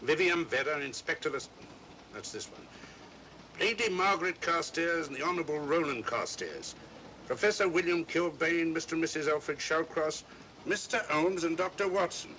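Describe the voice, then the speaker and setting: A sceptical, plodding police inspector in an old mystery film. His voice sits slightly high and swings animatedly as he questions officiously, over a rumbling, noisy vintage soundtrack. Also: lively intonation, normal speed, sharp tone. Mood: puzzled, businesslike. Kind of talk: 1940s mystery film acting.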